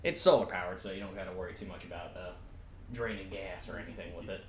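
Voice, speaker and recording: A man's voice: deep voice, steady tone, fast, voice pushed down, lightly acted. A man voicing a casual woman mechanic with a valley-girl manner drifting into a country twang. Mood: breezy, proud. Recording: roomy echo, faint background noise.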